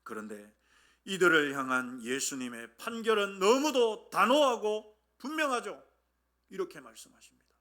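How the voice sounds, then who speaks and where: A man's voice: sits high, big pitch swings, moderate pace, pushed and bright. A middle-aged man, a pastor preaching a sermon in a church, emphatic and keen to act out the voices he quotes while he keeps addressing the congregation. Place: church sanctuary.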